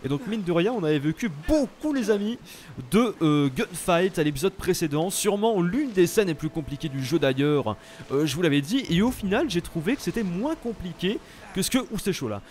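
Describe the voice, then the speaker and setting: A young French man giving casual, animated commentary while playing a video game, exclaiming at the action. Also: high-pitched, a little fast, a little hiss or hum. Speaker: let's play host.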